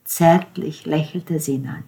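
Woman narrating an audiobook, low voice. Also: fairly even intonation, measured pace, creaky, warm tone.

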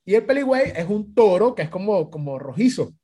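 Venezuelan man, casual storyteller, high voice, swings through voices and laughs a lot. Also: fairly quick, breathy edge. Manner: animated storytelling, acts out quoted voices, laughs often. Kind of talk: casual chat.

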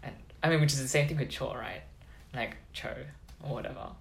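A young woman with a strikingly low voice chatting casually with friends. She adds dry, teasing remarks, and a faint hum of ambient noise sits underneath. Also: brisk, gravelly. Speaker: podcast co-host. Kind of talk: casual chat.

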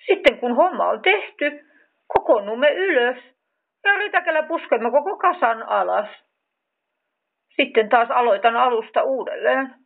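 Weary sighing creature, woman putting him on, doubting, lively pitch, tinny phone-like sound. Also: gravelly, heavily acted. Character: weary male dung-ball roller creature.

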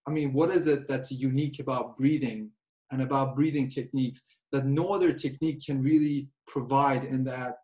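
A man's voice: medium pitch, steady tone, normal speed, darkish tone. A man hosting an interview, chatting casually and stumbling as he starts his sentences. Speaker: interview host.

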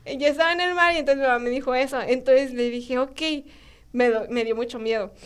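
A young woman's high, smooth voice moves fairly quickly, marked by a Mexican Spanish accent. Guesting on a podcast, she tells animated stories in casual talk, acting out conversations and using lots of fillers.

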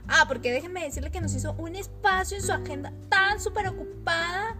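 Teasing young Mexican woman, high voice. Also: brisk, music in the background. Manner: teasing, giggly, playful. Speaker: podcast co-host. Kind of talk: casual chat.

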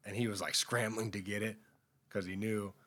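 Low-voiced man musing in casual chat. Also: level tone, normal speed, sharp tone.

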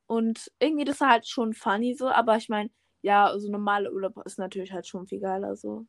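A woman's voice: medium pitch, steady tone, brisk, vocal fry, dry recording. A teenage girl chatting casually with a friend, slangy and trailing off mid-thought. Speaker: podcast co-host. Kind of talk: casual chat between friends.

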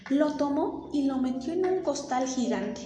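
A woman narrating a folk tale in an expressive, dramatic way, taking on the characters' voices. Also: high-pitched, a little slow. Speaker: storyteller. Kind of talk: storybook narration with acted voices. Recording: echoey room with faint music.

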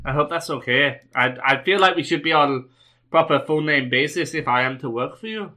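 Brief: a man putting on a nervous Scottish lad, fawning and eager, slightly high and bright. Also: normal speed. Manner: overly polite, fawning, stammering. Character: nervous eager young man applying for a tavern job.

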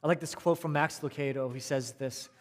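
A man preaching a sermon in a conversational way, repeating phrases and swinging between raised emphasis and quiet, soft passages. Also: fairly high pitch, steady tone, brisk. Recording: long hall reverb.

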